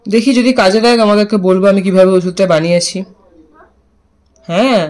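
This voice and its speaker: A woman's voice: medium pitch, fairly quick, a little mellow, low-quality recording. A woman vlogger talking tenderly to her pet parrot in a coaxing, affectionate way. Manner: coaxing, affectionate baby-talk to the bird. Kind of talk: casual talk to a pet parrot.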